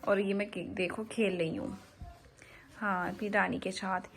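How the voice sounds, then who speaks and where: A woman's voice: medium pitch, steady tone, unhurried, gravelly. A woman voicing a cheerful, chatty baby girl, narrating a vlog in the first person in sweet, sing-song baby talk. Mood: playful.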